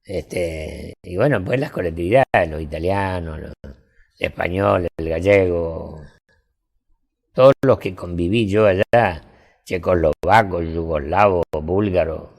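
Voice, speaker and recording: An older man with an Argentine accent, telling folksy anecdotes in a relaxed interview chat. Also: low-pitched, a little slow, vocal fry. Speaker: storyteller.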